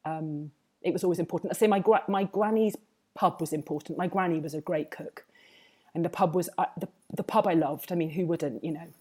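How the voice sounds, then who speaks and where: A woman with a soft-edged, mellow voice that sits a little low speaks in a Home Counties English accent. She chats reflectively as an interview guest, rephrasing and looping back through her thoughts. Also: fairly even intonation, fairly quick, slightly rough. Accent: southern English, Home Counties. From Hertfordshire, England. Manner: discursive, circling back with repeated hedging phrases. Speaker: food writer, interview guest.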